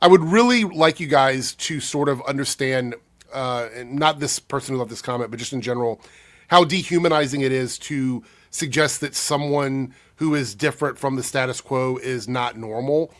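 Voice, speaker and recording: Guy w a cold, kinda breathy, casual youtube q&a talk, thinks out loud. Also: mid-range voice, normal speed. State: under the weather with a cold. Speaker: YouTube commentator. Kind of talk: casual talk answering viewer comments.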